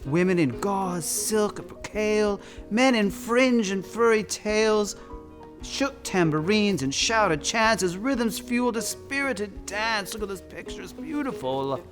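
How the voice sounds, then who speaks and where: Over music, a man who performs as a drag queen storyteller gives a theatrical read-aloud of picture books with chatty asides. His voice sits high and he takes it slowly, with a dramatic, expressive, effusive and campy delivery, often calling listeners "darlings".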